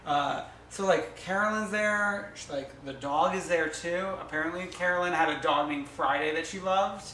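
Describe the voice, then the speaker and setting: A man's voice: a little high, sharp tone, roomy sound, a little hiss or hum. A man co-hosting a podcast, chatting casually and gossiping eagerly about reality TV. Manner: gossipy, chatty, quick asides. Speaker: podcast co-host. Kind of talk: casual chat.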